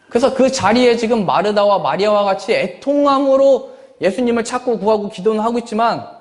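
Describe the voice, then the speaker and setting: Male pastor, high voice, expressive sermon delivery that leans on rhetorical questions. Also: big-room sound. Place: church service.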